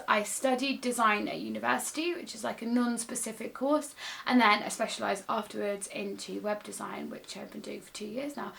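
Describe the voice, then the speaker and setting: A woman's voice: on the high side, vocal fry, sharp tone. A woman, chatting casually to camera from her home desk and laughing often. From England. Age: 20s. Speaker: vlogger.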